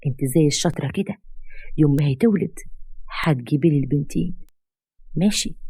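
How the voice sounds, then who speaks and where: A woman's voice: sits low, fast, warm tone, slightly rough, dry recording, exaggerated voice. A woman voicing a scheming, manipulative young ex-wife who taunts and threatens.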